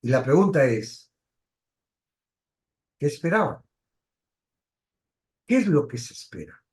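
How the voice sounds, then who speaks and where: A man's voice: a little high, very animated, a little mellow. A man from teaching a Bible study, asking questions and stressing key words. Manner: questioning, emphatic, pauses and restarts.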